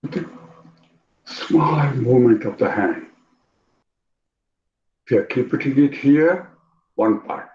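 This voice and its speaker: A man with an Indian English accent, teaching an online yoga class, talking in an animated way, repeating phrases and asking his students questions. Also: mid-range voice, slow pace, long pauses. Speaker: yoga instructor. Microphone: video call. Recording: roomy, dull lo-fi video call audio.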